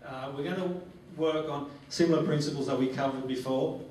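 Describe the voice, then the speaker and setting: A man with a fairly high, darkish-toned voice speaks fairly quickly and with fairly even intonation. He's a phobia therapy trainer showing a group how guided relaxation works, instructive and repetitive in his wording. The echoey room and distant mic leave the audio very reverberant, with faint noise.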